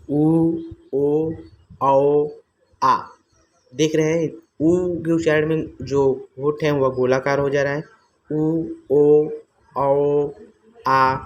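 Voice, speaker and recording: Male teacher, mid pitch, repetitive question-and-answer delivery, faint background noise. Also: a little mellow. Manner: asks and answers his own questions, repeats terms. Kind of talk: exam-prep grammar lesson.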